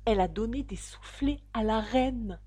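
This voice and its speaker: A woman's voice: fairly high pitch, moderate pace, pitched above the performer's own voice, natural voice. A woman doing a jittery timid rabbit. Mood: timid nervous. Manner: timid, hushed and nervous. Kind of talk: storybook reading.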